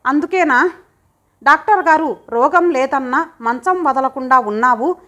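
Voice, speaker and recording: Brief: cheeky younger brother, blunt teaser, read by a woman, high voice, storybook. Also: unhurried, a bit bright. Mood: teasing. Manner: joking, blunt. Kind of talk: audiobook character voice.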